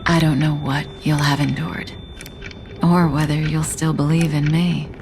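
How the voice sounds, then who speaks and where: A woman voicing an enigmatic, composed seer in a video game, speaking solemnly and softly, with some words breathed out in a whisper. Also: low voice, level tone, a little slow, background noise. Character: enigmatic, composed female seer giving gentle guidance. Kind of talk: scripted game character acting.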